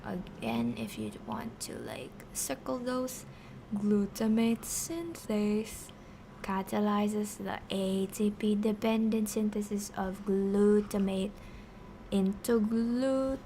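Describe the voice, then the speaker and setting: A woman giving a casual livestream science lesson while writing, halting and muttering corrections to herself. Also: medium pitch, warm tone, slight background noise, low-quality recording. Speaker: streamer teaching biochemistry.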